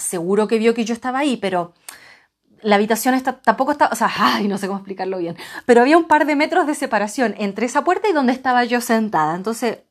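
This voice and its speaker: A woman from Chile with a Chilean accent, telling a personal travel story dramatically, jumping between loud outbursts and hushed asides. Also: fairly high pitch. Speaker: travel vlogger.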